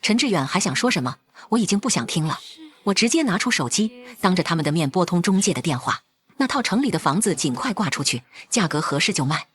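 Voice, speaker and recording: A woman's voice: fairly low pitch, sing-song, quick pace, husky. A woman narrating a first-person drama in a cold, blunt and firm way.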